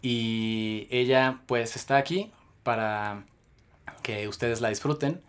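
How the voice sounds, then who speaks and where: Speaking slowly in a clean, mid-range voice, a Mexican-accented man hosts a casual podcast interview and spends a long time introducing his guest, with rambling, filler-laden remarks.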